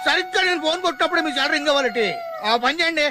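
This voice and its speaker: An actor playing an excitable small-town barber who pleads and gossips in a film comedy scene. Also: male voice, very high-pitched, racing, noisy background. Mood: pleading. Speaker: comic film character.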